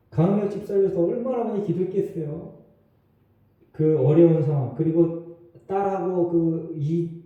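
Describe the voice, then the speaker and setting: A man's voice: a little high, warm tone, lo-fi sound. A man preaching a sermon as pastor, talking in a loose conversational way with asides and small laughs. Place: church sanctuary. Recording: roomy echo, mic far off.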